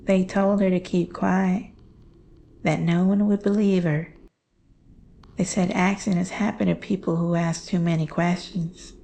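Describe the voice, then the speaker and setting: An actress plays a haunted, fearful woman revealing her mother's terrifying secret through slow, dramatic horror storytelling. Her dark, gravelly voice is on the low side with little pitch movement, and the mood is haunted and uneasy.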